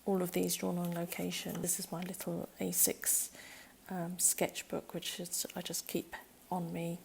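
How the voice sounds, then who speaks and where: Woman flipping through her sketchbook, low gravelly voice, chatty with lots of ums. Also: unhurried, slight background noise. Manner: relaxed, chatty, with frequent ums. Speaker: sketchbook vlogger. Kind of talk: casual sketchbook tour narration.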